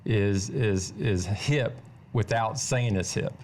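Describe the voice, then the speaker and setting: Halting, chatty male radio host. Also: on the low side, darkish tone, slight background noise. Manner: chatty, halting, repeats words. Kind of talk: casual interview.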